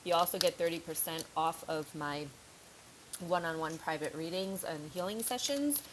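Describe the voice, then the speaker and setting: A woman's voice: lowish voice, normal speed, background noise. A woman reading tarot cards in a casual, frank way, thinking aloud, with a slightly sore throat. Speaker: tarot reader.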